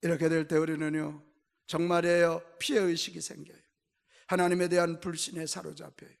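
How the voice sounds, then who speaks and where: A middle-aged male pastor preaching a sermon emphatically, swinging between loud and soft and throwing questions to the congregation. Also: on the high side, little pitch movement, brisk, creaky. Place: church sanctuary. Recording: echoey church hall.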